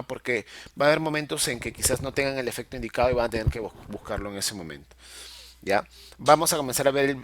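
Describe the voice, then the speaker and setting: A man's voice: medium pitch, a bit bright, dry recording. A middle-aged man teaching a video-editing class, patiently explaining each step and checking in often with his students. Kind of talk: screen-recorded software tutorial.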